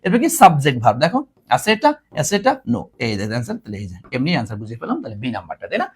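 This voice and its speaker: A man's voice: medium pitch, wildly swooping pitch, rapid-fire, husky. A young male teacher running a live online English lesson, coaxing students with repeated questions and mixing English phrases into his explanation.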